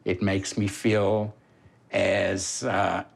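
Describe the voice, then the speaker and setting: A man of about sixty with a South African accent, a prosthetic eye patient, tells his story frankly, wryly, and chattily in a documentary interview and self-narration. His voice is low-pitched, level, and creaky, with drawn-out words.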